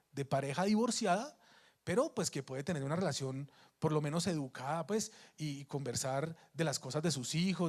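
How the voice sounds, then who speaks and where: High-voiced man preaching a story. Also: darkish tone. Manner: storytelling, emphatic, with frequent restarts. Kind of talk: sermon.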